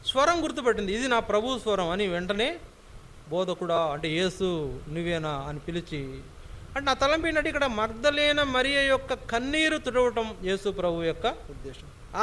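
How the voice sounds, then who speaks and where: A man's voice: sits high, sharp tone, a little hiss or hum. A man preaching a sermon, emphatic, repeating phrases and putting rhetorical questions to the congregation.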